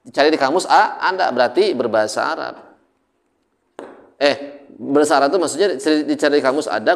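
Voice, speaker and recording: A man with an Indonesian accent teaches Arabic grammar in a relaxed classroom style. He jokes along the way and keeps checking with his students through questions. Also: mid-range voice, creaky. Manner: jokey, asks students questions often. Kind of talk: casual classroom lesson.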